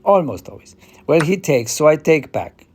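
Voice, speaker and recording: Man acting as halting Eastern European chess player. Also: on the high side, sing-song, slight background noise. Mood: explanatory, measured. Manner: halting, deliberate explanation with frequent hesitations. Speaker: chess player giving a tutorial. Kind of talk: explanatory game commentary.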